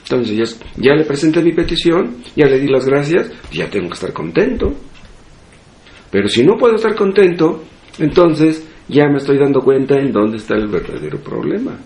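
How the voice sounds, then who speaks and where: A man's voice: a little high, sing-song, normal speed, a little mellow, echoey room. A man with a Mexican Spanish accent preaching a sermon as pastor, asking rhetorical questions and repeating phrases for emphasis. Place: church hall.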